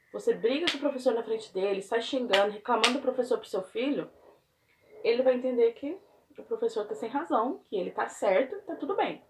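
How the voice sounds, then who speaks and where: Brazilian teacher lady explaining stuff, earnest, keeps going "right? got it?", voice sits kinda high. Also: darkish tone, a little hiss or hum. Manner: earnest, keeps checking in with "né?" and "entendeu?"; acts out parents and children in quick quoted asides. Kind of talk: casual explanatory talk.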